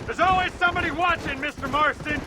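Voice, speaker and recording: A man's voice: very high-pitched, fast. An actor playing a stern, self-righteous lawman in a Western game, scornful and preachy. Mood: threatening. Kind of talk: video game acting. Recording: loud horse and outdoor noise. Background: hoofbeats, loud ambience.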